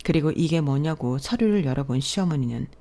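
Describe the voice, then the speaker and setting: A woman narrating a first-person story in a steady, measured radio-drama reading style. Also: low voice.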